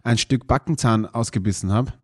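Animated podcaster man. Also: mid-range voice, normal speed. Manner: animated, dramatic complaining with comic exaggeration. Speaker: podcast co-host. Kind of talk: casual podcast banter.

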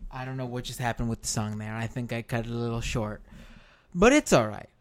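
An American man with a hoarse, worn-out voice hosts a live stream, talking casually and haltingly, repeating phrases for emphasis. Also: medium pitch, expressive, background noise. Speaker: live stream show host.

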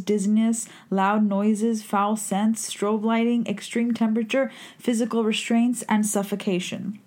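A woman's voice: mid-range voice, a little mellow, natural voice. A woman playing a playful vampire hostess, presenting a campy horror show in a theatrical, scripted manner.

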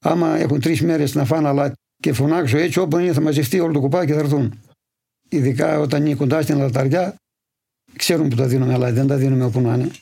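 A livestock farmer from Imathia, answering interview questions in detailed, steady storytelling. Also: male voice, on the high side, creaky, slightly rough. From Imathia, Greece.

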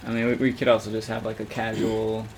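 A man in casual chat, talking haltingly with frequent stammers, restarts and fillers. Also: fairly low pitch, completely flat delivery, a little hiss or hum.

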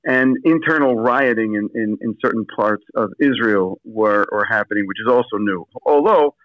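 Heard over the phone, an assistant pastor with a voice on the low side talks at normal speed as an interview guest. His answers come hesitantly, with plenty of fillers and restarts, on a dull, dry lo-fi line.

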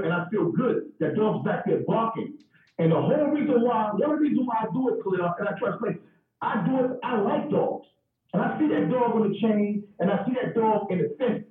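A man, a stand-up comedian, telling stories in casual chat over a video call, acting out voices as he goes. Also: sits high. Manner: animated, acts out voices and dog sounds. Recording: echoey, distant, phone-like call audio.

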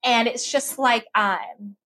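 A woman talking as a podcast guest, candid and animated, giving advice and telling personal stories. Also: on the high side, takes it slowly. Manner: animated, acts out her inner voice when telling stories.

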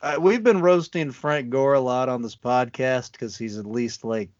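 A man's voice: mid-range voice, moderate pace, a little mellow, lo-fi sound. A man co-hosting a podcast, chatting casually about football, laid-back and laughing easily, with frequent restarts. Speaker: podcast co-host. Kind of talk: casual sports chat.

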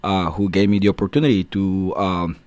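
Low-voiced man. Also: flat delivery, a little fast, darkish tone, no echo. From Guatemala. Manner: hesitant, many filler sounds. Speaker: guest, assistant professor. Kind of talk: radio interview answers.

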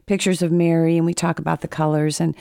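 An older grandmother guest co-hosts a radio chat, her voice slightly hoarse from a cold. It sits low, with a gravelly fry and a dark, mellow tone, recorded dry and close. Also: level tone, quick pace, dry recording. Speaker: guest co-host. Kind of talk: casual studio chat. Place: radio studio.

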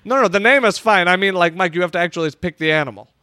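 A man's voice: high-pitched, quick pace, sharp tone, dry recording, studio quality. A man co-hosting a casual comedy podcast who insists on his points and laughs often. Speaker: podcast co-host.

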